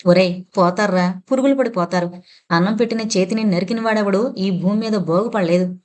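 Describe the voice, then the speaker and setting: A woman's voice: medium pitch, fairly quick, darkish tone, close to an everyday voice. A woman narrator voicing a grief-stricken young woman who curses her mother's killers. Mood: furious. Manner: pleading then cursing, impassioned. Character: grieving daughter cursing her mother's killers.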